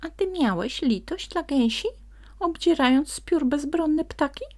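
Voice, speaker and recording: A woman voicing a small, excitable male forest elf who calls out in shrill, breathless exclamations. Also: unhurried. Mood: gleeful.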